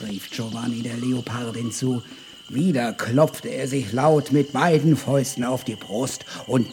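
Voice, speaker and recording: A man reading a children's animal story aloud, calm and measured. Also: mid-range voice, creaky.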